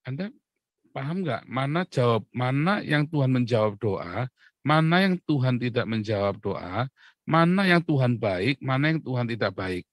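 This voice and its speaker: A man preaching a conversational devotional sermon, often asking his listeners questions, clearing his throat and chuckling. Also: mid-range voice, lively intonation, normal speed, dry recording.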